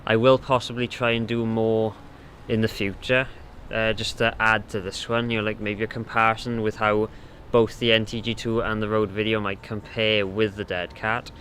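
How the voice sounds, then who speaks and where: A man's voice: lowish voice, flat delivery, moderate pace, hardly any pauses, a bit bright. A young man giving a casual, rambling, hesitant microphone test outdoors, with wind on the mic. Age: young adult. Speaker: audio gear reviewer. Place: outdoors in a windy garden. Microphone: shotgun mic or handheld recorder on a stand.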